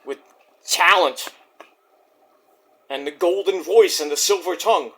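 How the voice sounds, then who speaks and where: Reviewing wrestling in a loose, boastful ramble, a middle-aged Brooklyn man talks at a measured pace. His voice sits high and sounds a bit bright and husky, and he keeps restarting and using fillers.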